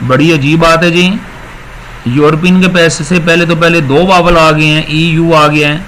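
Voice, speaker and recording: High-voiced male teacher. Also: fairly even intonation, fairly bright tone, a little hiss or hum, rough recording. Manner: explains step by step, repeats words slowly, praises students. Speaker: English teacher. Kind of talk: recorded classroom lecture.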